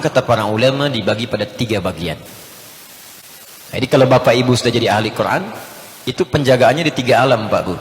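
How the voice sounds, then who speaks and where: A man preaching a lively sermon to a congregation, joking and swinging from low murmurs to loud emphatic lines, now and then chanting Arabic phrases. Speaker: ustaz, preacher. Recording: long hall reverb with faint hiss.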